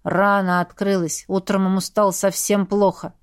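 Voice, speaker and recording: A woman voicing a terse, sombre man, an archer, lowering her voice in an audiobook. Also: level tone, normal speed, clear, resonant tone, no room sound, clean studio sound, natural voice. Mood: grim. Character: grim terse male archer, grieving and reserved.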